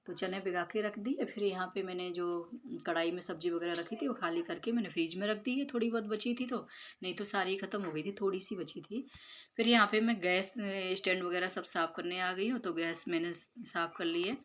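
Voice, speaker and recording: A mother in her thirties chats her way through a home cooking and chores vlog in her kitchen, explaining every step with lots of fillers. Her voice is fairly low, brisk and fairly bright, with a little hiss or hum in the background. It's casual voice-over narration.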